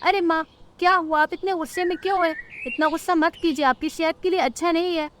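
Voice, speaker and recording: A caring young husband bird from a cartoon storybook, voiced by a woman, speaking very high for a male figure. He soothes, reasons and sounds concerned. A faint hiss runs under it. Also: steady tone, quick pace, a bit bright.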